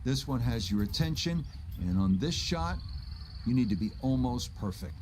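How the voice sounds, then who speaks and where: A man giving play-by-play golf commentary as lead announcer, in measured, folksy broadcast phrasing. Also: medium pitch, expressive, noisy background, close to an everyday voice.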